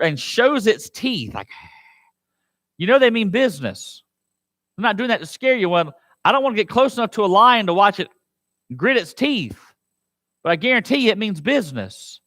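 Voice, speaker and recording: A man preaching a sermon as pastor, animated and dramatic, quoting scripture and asking the congregation questions. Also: high voice, normal speed. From United States. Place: church.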